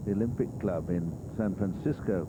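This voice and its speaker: A man giving live golf commentary in a conversational, reflective way with unhurried asides. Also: low-pitched. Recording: clear outdoor background noise. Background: outdoor golf course ambience.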